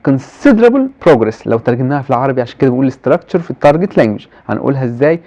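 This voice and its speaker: A man with an Egyptian Arabic accent teaching English translation, reading English examples slowly and explaining fast in colloquial Arabic. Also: mid-range voice, mellow. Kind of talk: university lecture mixing Arabic and English. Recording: dull lo-fi recording.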